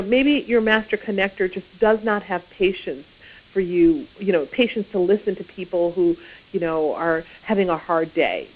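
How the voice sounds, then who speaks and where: A woman giving career advice in an informal, conversational teaching talk, often saying "you know". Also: lowish voice. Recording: tinny phone-like sound.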